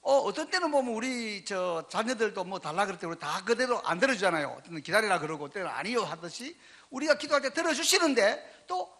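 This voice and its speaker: A man interprets a sermon into Korean in a church, speaking with lively emphasis. His voice sits high and bright, and his intonation moves up and down a lot. He also leads the congregation in reading aloud together. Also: fast. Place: church sanctuary.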